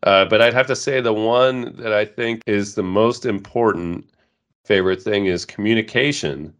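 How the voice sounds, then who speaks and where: A man with a very low, slightly nasal voice, co-hosting a podcast. He talks in a relaxed, chatty way, with the odd filler. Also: normal speed. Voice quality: nasal today. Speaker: podcast co-host. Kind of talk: casual podcast talk.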